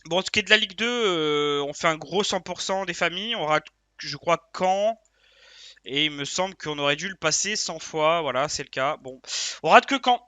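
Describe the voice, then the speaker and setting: A man's voice: a little high, sharp tone, no echo. A man giving a casual video debrief as a sports betting tipster, rambling and hesitant, full of fillers, frustrated and questioning himself.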